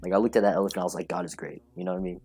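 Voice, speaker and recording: A young man, a guest on a podcast, rambles through a long story in casual chat, laughing as he goes and packing it with fillers. His voice is low and a little mellow, his intonation fairly even, and he talks at a racing clip.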